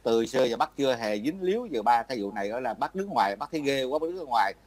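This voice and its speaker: An older Vietnamese man chats casually as an interviewee, rambling and breaking off with frequent laughs. He talks fast in an expressive, mid-range voice.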